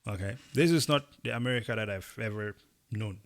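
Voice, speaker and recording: Casting: young male co-host from Cameroon, gravelly voice, emphatic delivery with animated bursts. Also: lowish voice, a little fast. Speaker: podcast co-host. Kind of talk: casual opinion chat.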